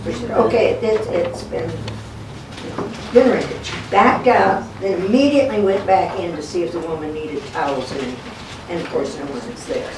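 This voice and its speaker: With a lowish voice at normal speed, an older woman, a local historian invited as guest speaker, tells stories indoors at a historic log cabin in a folksy, conversational manner, acting out each exchange. Background noise and music accompany the roomy, distant-mic recording.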